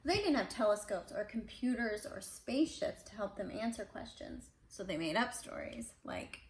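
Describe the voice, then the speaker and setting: Indoors at home, a woman reads a storybook aloud to kids, stopping between passages for casual, chatty asides to a child. Her mid-range voice is expressive and moderately paced. The recording has a roomy echo with clear background noise.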